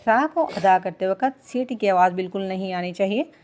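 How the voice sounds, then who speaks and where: A woman teaching Quran recitation rules, chanting verses slowly and drawn out, then explaining quickly in plain speech. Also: mid-range voice, darkish tone. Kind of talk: tajweed lesson, slow recitation alternating with quick explanation.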